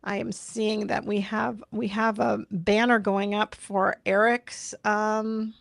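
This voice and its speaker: A woman's voice: medium pitch, flat delivery, slow pace, creaky, no echo. A woman podcast host chatting casually on a live stream, informal and apologetic, thinking aloud as she goes.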